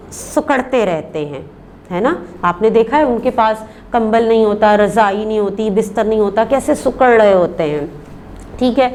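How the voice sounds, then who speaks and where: A primary school Urdu teacher speaks in a fairly high, somewhat dark voice during a recorded remote lesson, with slight background noise. She is patient with the children, repeating words for them and posing questions that she then answers herself.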